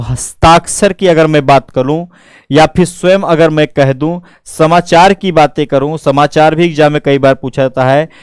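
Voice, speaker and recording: A man's voice: a little high, smooth, no room sound. A young man with a north Indian Hindi accent teaching an exam-prep grammar lesson, full of rhetorical questions and imagined student replies. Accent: Hindi-speaking north Indian. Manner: explains with many rhetorical questions and student asides.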